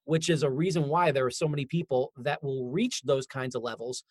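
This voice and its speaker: A man's voice: mid-range voice, steady tone, brisk, darkish tone, no room sound. Casual, rambling man in a dry recording. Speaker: author. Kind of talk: casual conversation.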